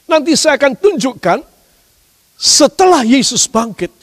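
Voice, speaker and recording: A man preaches in a very high, animated voice that swings between loud, ringing emphasis and low, hushed asides. His sermon rings out the long reverb of a large church hall. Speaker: pastor.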